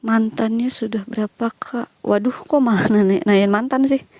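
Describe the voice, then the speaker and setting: A woman's voice: on the high side, steady tone, normal speed, a little mellow, dry recording. A young Indonesian woman chatting casually as she walks outdoors and answers viewers' questions. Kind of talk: casual chat while walking. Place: outdoors walking through a quiet village.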